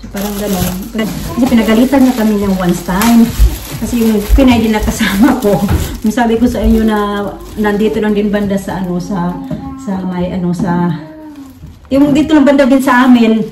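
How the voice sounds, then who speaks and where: A woman's voice: medium pitch, normal speed, far from the mic. A woman from the Philippines chatting casually to her viewers, rambling with many fillers and restarts. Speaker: vlogger. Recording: roomy, from off the mic, faint noise.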